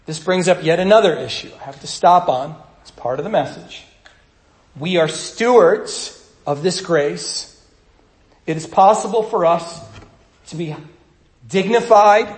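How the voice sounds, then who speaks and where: A man delivers a sermon in a conversational teaching style. His voice sits a little high, and he swings from loud urging to quiet, soft asides. The sound is echoey, as if he is speaking in a reverberant room. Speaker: pastor.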